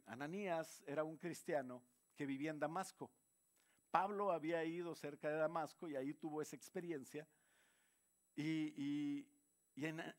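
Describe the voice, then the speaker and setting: A man preaching a sermon as pastor, rising loud for emphasis and dropping soft. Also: fairly high pitch.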